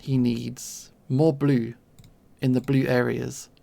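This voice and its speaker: With a slow, dark, medium-pitched voice that barely moves in pitch, this streamer talks casually while drawing, and there's no echo on the recording. She has a southeast English accent from southern England, enunciates clearly including her T's, and keeps things playful with many chuckles.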